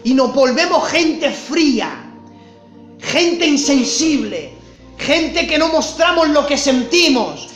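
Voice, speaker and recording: A man preaching a sermon with passion, swinging from loud cries to hushed tones. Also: extremely high pitch, lively intonation, takes it slowly, roomy sound, faint music behind.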